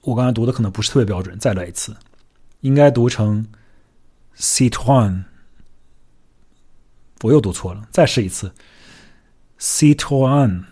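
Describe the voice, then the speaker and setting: A man hosting a casual solo podcast, chatty and self-deprecating, who drops English words into his talk and slows down to sound out foreign words carefully. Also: lowish voice, warm tone, slightly rough. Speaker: podcast host.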